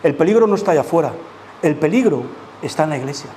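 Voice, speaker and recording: A man's voice: a little high, lively intonation, quick pace, warm tone, slight background noise. A man from preaching a sermon as pastor, emphatic and full of rhetorical questions to the congregation. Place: church.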